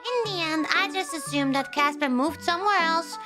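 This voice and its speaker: Excitable high-voiced woman streamer. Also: normal speed. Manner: excitable, shrieking and swearing freely. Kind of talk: casual chat. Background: background music.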